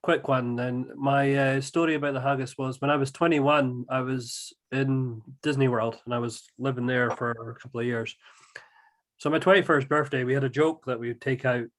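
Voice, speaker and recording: Man spinning a lively yarn. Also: mid-range voice, normal speed. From Scotland. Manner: lively storyteller, restarts his sentences. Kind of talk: casual tasting chat and anecdotes.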